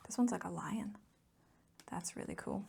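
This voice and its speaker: Speaking into a close mic as a voice-over, a woman who hosts a hobby ASMR channel talks at an ordinary pace, blending a low voiced murmur with soft, breathy whispers. Her chat is gentle and rambling, full of affectionate gushing over what she enjoys.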